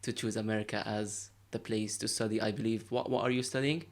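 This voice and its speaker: A man's voice: lowish voice, steady tone, a little fast. A young man hosting his own podcast over a video call, asking questions in an easygoing, chatty way. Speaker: podcast host. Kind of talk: casual interview. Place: small room, indoors. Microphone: headset on a video call.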